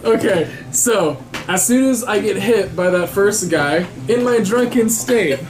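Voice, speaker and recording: A man's voice: high-pitched, measured pace. A man at a tabletop game, chatting casually and describing his moves in a playful, vivid, salty-tongued way. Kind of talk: casual game chat and action narration. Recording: roomy echo with background music.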